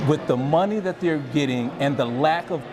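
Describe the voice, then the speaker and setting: A man working as a photojournalist and interviewer, asking eager questions in a street interview. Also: fairly high pitch. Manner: eager, quick reactions. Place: outdoors at a busy urban spot. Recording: crowd noise outdoors.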